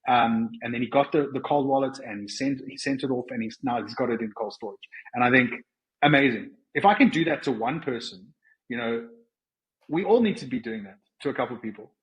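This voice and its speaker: A podcast guest with a South African accent speaks in a conversational interview style at medium pitch, briskly and earnestly explaining his points. He frequently restarts or rephrases mid-sentence, and the recording sounds muffled.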